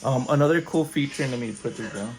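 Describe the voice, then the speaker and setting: A man giving a relaxed, chatty product review at home, walking through features. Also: medium pitch, fast, over music. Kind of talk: casual unboxing review.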